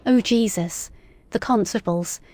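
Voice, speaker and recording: Brief: woman livestreamer, headset audio, mid-pitched, dry close sound, chatty and thinking aloud. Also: unhurried, mellow, no echo. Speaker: streamer. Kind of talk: casual livestream chat while gaming.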